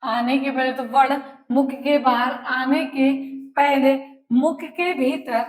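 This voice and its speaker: High-voiced woman teacher dictating slowly. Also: steady tone. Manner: slow, repeats each phrase for dictation, asks and answers her own questions. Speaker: Hindi teacher. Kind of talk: classroom lesson, dictating notes. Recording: echoey room.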